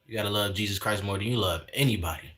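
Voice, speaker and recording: A man's voice: fairly low pitch, fast, fairly bright tone. Young man preaching casually on livestream. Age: 20s. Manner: preachy, repetitive, sprinkles in "man" and "y'all". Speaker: livestream host.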